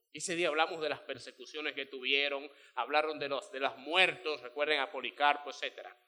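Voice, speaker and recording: A middle-aged male pastor preaching a sermon, animated and acting out little scenes in voices. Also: fairly high pitch.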